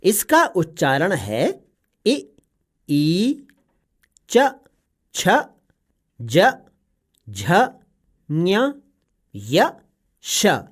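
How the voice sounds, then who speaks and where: A woman voicing a patient old male parrot who teaches pronunciation slowly and carefully in a cartoon story. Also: deep voice, very animated, exaggerated voice. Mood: instructive. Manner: slow, careful, spelling out each sound.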